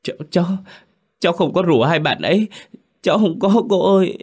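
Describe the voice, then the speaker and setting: A man's voice: high-pitched, expressive, a little fast, a little mellow, husky, pitched above the performer's own voice. A man doing a panicked crying village boy.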